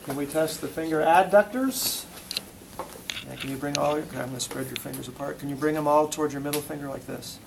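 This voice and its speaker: A man's voice: fairly high pitch, fast, vocal fry. A man teaching a hands-on classroom demonstration, coaching with short repeated commands and quizzing students between steps. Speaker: instructor. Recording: noisy classroom recording.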